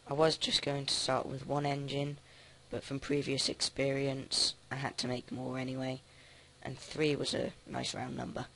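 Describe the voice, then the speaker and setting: Male let's play host, flat gravelly delivery, casual halting commentary, faint hiss behind. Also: medium pitch. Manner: flat, halting, thinks aloud with many restarts.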